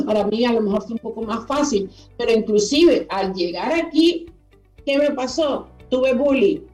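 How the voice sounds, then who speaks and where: A woman hosts a radio talk show in a casual, effusive way, laughing easily and filling pauses with "eh". Her voice sits a little high. She sounds distant from the mic in an echoey space, with faint music underneath. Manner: warm, effusive, laughs often, many fillers.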